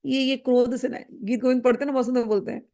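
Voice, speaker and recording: A woman giving a devotional discourse. She chants verses slowly and then explains them expressively. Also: high-pitched, fairly even intonation, dark tone. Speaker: devotional scripture expounder.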